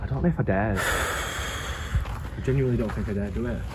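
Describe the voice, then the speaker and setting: Man, handheld camera footage, outdoors at night, nervous, jumpy, loud hiss of noise. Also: on the low side. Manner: nervous, jumpy, talking fast and loud when spooked. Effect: heard through handheld camera video footage. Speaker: urban explorer filming. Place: outdoors at night among abandoned warehouses in snow. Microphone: handheld camera mic.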